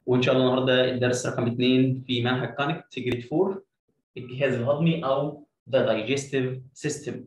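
A man's voice: medium pitch, fairly even intonation, quick pace, roomy sound, recorded from a distance, poor audio. A man with an Egyptian Arabic accent teaching an English lesson, drilling pronunciation by repeating sounds. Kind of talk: video lesson.

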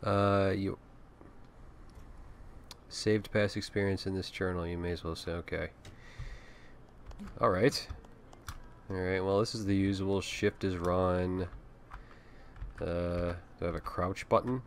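A man's voice: low-pitched, steady tone, slow, pauses often, slight background noise. A young man hosting casual let's-play commentary, joking, swearing and offhand as he plays. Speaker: host.

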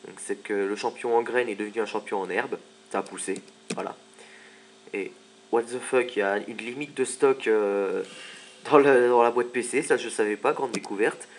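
A man with a fairly low voice talks through a video game in a relaxed, chatty way, tossing in jokey asides as he goes. A faint hiss sits under the recording. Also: moderate pace. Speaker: let's play commentator. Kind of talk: casual gameplay commentary.

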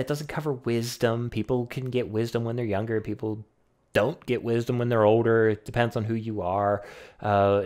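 A young adult man talking casually to the camera in a rambling, wry way, with many fillers and some swearing. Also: mid-range voice. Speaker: vlogger.

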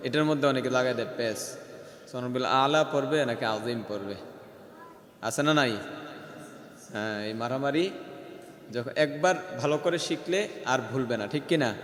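A male Quran recitation teacher teaching a class. He questions his pupils and then slowly chants each word as a model for them. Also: medium pitch, a bit bright. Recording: echoey hall with long reverb.

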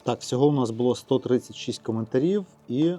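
A man with a Ukrainian accent co-hosting a casual show, reading out giveaway winners in a brisk, offhand way. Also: medium pitch, warm tone, a little hiss or hum. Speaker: co-host.

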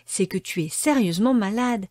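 A woman doing a gentle, patient fairy. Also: mid-range voice, animated, moderate pace, no echo, studio quality, natural voice. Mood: coaxing. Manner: gentle and coaxing. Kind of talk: storybook reading.

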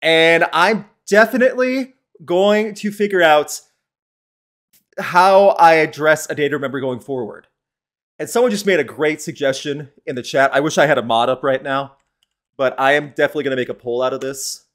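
A man's voice: on the high side, moderate pace, a bit bright. A man hosting a live-streamed podcast, talking in a chatty, opinionated way and answering the chat as he goes. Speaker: podcast host.

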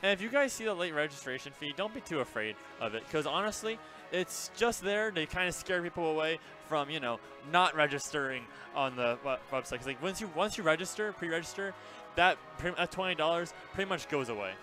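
A man's voice: a little high, expressive, a little fast, over music. A young man commentating a live gaming tournament on a headset, laid-back and chatty with a joking streak. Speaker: esports commentator. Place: small game center room with shelves.

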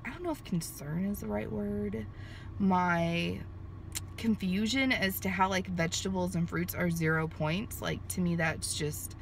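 Sitting in her parked car in a sunny lot, a vlogger in her thirties chats casually to her phone camera, held at arm's length. Her mid-range voice has a fairly bright tone, and she rambles with plenty of fillers and restarts over slight background noise.

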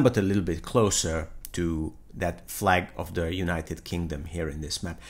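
Give me a man in his fifties with a fairly low voice, calmly explaining business culture to camera from home. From Hungary. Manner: measured, explanatory, gestures with hands. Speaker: intercultural leadership trainer. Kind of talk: lecture to camera. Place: living room with brick wall.

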